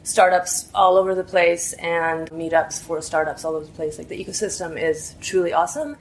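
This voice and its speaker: A woman with a slightly low voice answers questions in a casual interview. She is a startup worker who talks in an informal, chatty way. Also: brisk, poor audio.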